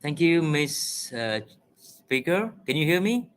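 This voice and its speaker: A man's voice: on the high side, very animated, slow pace. A man speaking over a video call as a debate judge, giving loose, filler-heavy feedback to students. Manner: rambling, many fillers and restarts. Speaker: debate adjudicator.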